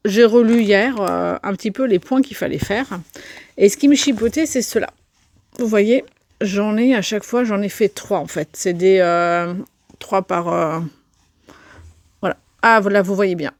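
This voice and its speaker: A woman's voice: mid-range voice, no room sound. Casting note: middle-aged woman, casual crafting vlogger, chatty and self-deprecating, loose filler-heavy delivery. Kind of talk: casual crafting vlog chat.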